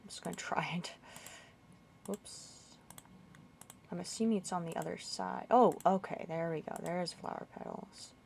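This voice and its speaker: A woman's voice: on the low side, moderate pace, creaky, long pauses, darkish tone, slight background noise. A woman playing through a game walkthrough, thinking aloud and muttering confused questions as she goes. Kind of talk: casual gameplay commentary.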